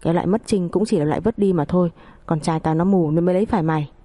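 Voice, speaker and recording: A woman's voice: lowish voice, racing, mellow, dry recording, close to an everyday voice. A woman voicing a furious, abusive older mother-in-law who screams insults and wails in an audio story.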